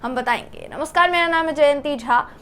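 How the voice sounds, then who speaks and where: A woman's voice: high-pitched, fairly quick, a bit bright. A woman news anchor presenting a news report, speaking earnestly to viewers and often calling them friends. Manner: addresses viewers as friends, earnest explanatory delivery. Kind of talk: Hindi news presentation to camera.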